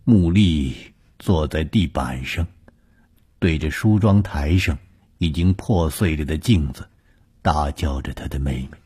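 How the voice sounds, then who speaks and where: A man narrating a scripted ghost story with a measured, suspenseful delivery. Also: rumbling low, dark tone, slightly rough.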